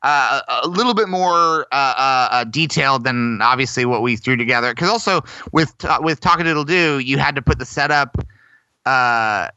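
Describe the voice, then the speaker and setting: American guy telling stories on a podcast, really bright smooth voice, dry close sound. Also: medium pitch, normal speed, no room sound, dull audio. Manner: chatty storyteller, laughs often, self-deprecating. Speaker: guest performer. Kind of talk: casual interview chat.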